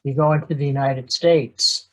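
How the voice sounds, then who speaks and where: A man's voice: mid-range voice, steady tone, moderate pace, a bit bright, rough recording. A middle-aged man, a history professor, giving an online lecture with dry, self-deprecating humor.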